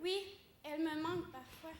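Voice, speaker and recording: A woman's voice: very high voice, normal speed, a little hiss or hum. A teenage girl acting an indignant young tribe woman in a live school stage sketch. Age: teen. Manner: indignant, firing back insults. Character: touchy, insult-slinging young tribe woman. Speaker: student actor in a school show. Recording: roomy school auditorium from far off.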